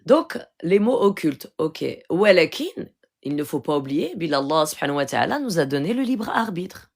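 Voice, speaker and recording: A woman's voice: lowish voice, sing-song, normal speed. A woman from Morocco, a spiritual healer talking casually on a phone live stream and teaching earnestly, often checking in with her listeners. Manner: earnest and instructive, keeps checking in with "d'accord?".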